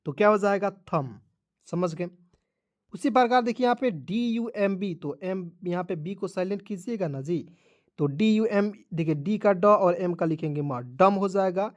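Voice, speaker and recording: A high-voiced man teaches English pronunciation on video at a normal speed, repeating every rule many times. He treats his viewers as friends when addressing them.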